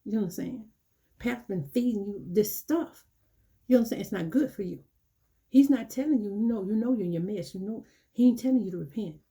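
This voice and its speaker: Mellow-voiced woman preaching a scolding sermon. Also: medium pitch, a little fast. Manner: repetitive, scolding, keeps asking "you know what I'm saying"; acts out quoted churchgoers in dialogue. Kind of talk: informal sermon.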